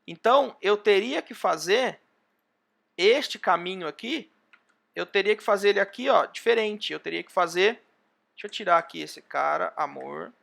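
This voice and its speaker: A Brazilian man lecturing over a video call, with a high, bright voice and a gravelly edge. He walks through the example one step at a time and keeps pointing things out as he goes. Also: lively intonation, moderate pace. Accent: Brazilian Portuguese. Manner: explains step by step, often pointing with "ó". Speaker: university lecturer. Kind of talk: online class lecture.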